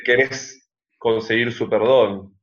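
A man with an Argentine accent, a guest in a casual interview, explaining his views in a reflective, measured way. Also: mid-range voice, steady tone. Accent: Argentine Spanish. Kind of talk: casual conversation. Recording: dull lo-fi sound.

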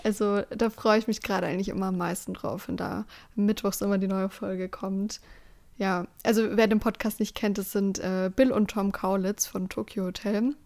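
A woman's voice: medium pitch, fairly even intonation, moderate pace, vocal fry, a little mellow. Chatty young woman podcast co-host. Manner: chatty, laughs often, trails off with fillers. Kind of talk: casual chat.

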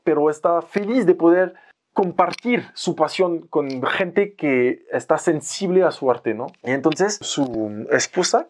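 French-accented man telling a story. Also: fairly high pitch. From France. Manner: animated, playfully acts out other people's lines in raised voices, uses Mexican slang. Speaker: photographer guest. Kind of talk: storytelling in a podcast conversation.

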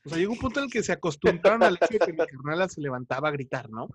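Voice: mid-range voice, expressive, very fast, breathy edge, no room sound. A speaker with a Mexican Spanish accent, telling crude, slangy anecdotes in a casual chat.

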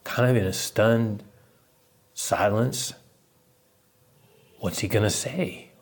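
A male pastor preaching a sermon in an animated storytelling manner, chuckling often as he retells a scene. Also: on the low side, slow pace, slightly rough.

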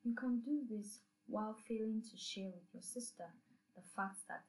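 A woman's voice: fairly high pitch, normal speed, darkish tone, low-quality recording. A woman reading a story aloud, woven with recipes and humorous asides. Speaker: narrator.

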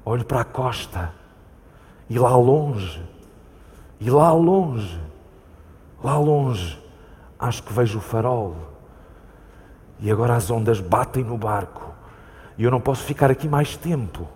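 A male actor with a European Portuguese accent, live on stage in a reverberant theatre hall, portrays a frightened man at sea looking for a vanished companion. His mid-range voice is a little mellow and close to everyday, with lively intonation, an unhurried pace and long pauses, as he urgently and repetitively pleads through a haunted recollection.

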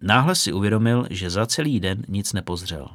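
Expressive male audiobook narrator. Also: on the low side, no echo. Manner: expressive storytelling. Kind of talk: scripted narration.

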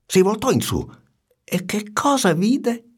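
A man reading a storybook aloud with an expressive, swinging delivery and hushed asides. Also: sits high, takes it slowly, breathy edge.

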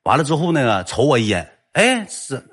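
A man with a Northeastern Chinese accent telling a comic story in an animated way, full of coarse slang and sound effects. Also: medium pitch, fast talker.

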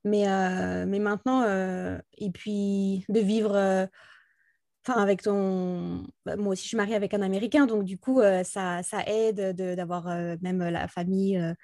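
A French woman talks slowly and haltingly, stopping often on fillers and laughing softly between phrases. Her voice is mellow and warm. The sound is close and dry. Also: mid-range voice, fairly even intonation, no room sound. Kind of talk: casual chat.

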